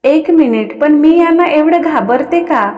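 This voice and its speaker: Hurt young wife read by a woman, flustered, exasperated, very high voice, echoing hall. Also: unhurried, warm tone, highs cut off, close to an everyday voice. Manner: plaintive and exasperated, raised pitch.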